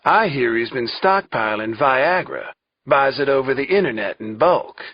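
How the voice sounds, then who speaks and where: Somber older man, dry wit, husky and flat, lo-fi, read by a male narrator. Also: mid-range voice, measured pace, no echo. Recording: dull lo-fi recording.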